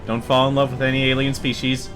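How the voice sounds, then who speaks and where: A man's voice: mid-range voice, flat delivery, fast talker, music in the background. A man giving casual, joking let's play commentary on a video game. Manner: joking, chatty.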